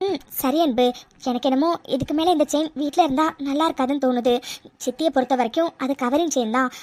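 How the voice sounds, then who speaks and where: A woman's voice: high-pitched, quick pace, darkish tone, natural voice. A woman voicing a sincere young woman in a cartoon, tearful and pleading, often repeating her words. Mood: worried. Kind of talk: cartoon voice acting.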